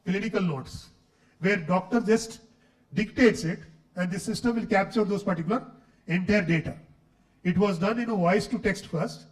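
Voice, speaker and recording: A high-pitched, normal-speed voice comes from a middle-aged guest lecturer with an Indian English accent, speaking to faculty despite a cold that blurs his voice. His style is chatty, with frequent questions to the audience and many an "okay." The hall echoes, and he's far from the mic.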